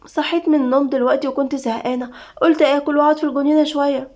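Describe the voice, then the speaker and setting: A woman's voice: high voice, little pitch movement, very fast, a little mellow. A woman voicing a playful, coaxing young woman in an Egyptian-accented audio story. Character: playful wealthy young woman, bored and teasing.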